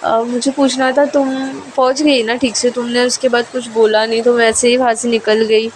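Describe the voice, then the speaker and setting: A woman's voice: a little high, flat delivery, normal speed, a little hiss or hum, natural voice. A woman voicing a polite, sugary young woman who is a rival in a spoken love story.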